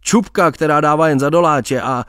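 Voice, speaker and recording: A man voicing a rowdy, crude, drunk young rocker who swears and talks loudly. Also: fairly high pitch, no room sound, studio quality, pitched above the performer's own voice, lightly acted. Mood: contemptuous. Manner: loud, coarse, swearing.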